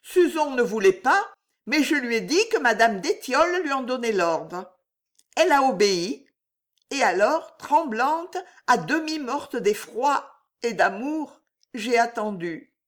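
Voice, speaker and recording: A woman's voice: on the high side, sing-song, unhurried, pitched above the performer's own voice. A woman reading an audiobook, voicing a passionate, tearful young woman pleading with a king. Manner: pleading, emotional, breathy at times.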